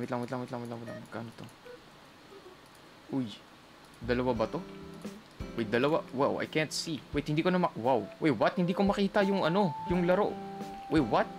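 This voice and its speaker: Excitable Filipino gaming streamer, music behind. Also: male voice, a little high. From Philippines. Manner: excitable, mixes English and Tagalog, talks to chat. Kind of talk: casual gameplay commentary to chat. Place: indoors at someone else's house, keeping voice down. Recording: clear game music under voice. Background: background music.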